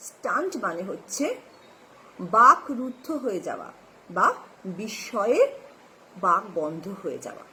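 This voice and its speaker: A woman with a Bengali accent teaches an English lesson, reading lines slowly and spelling out words letter by letter. Her pitch moves up and down a lot as she explains. A faint hiss sits under the recording. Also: sing-song, bright, forceful tone, low-quality recording. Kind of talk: classroom lesson explaining text and vocabulary.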